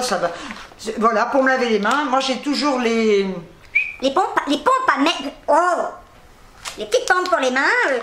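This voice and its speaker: A woman hosting a casual haul vlog, rambling fast and reading product labels aloud, tripping over her words. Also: high voice, sharp tone. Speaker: YouTube host. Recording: echoey room.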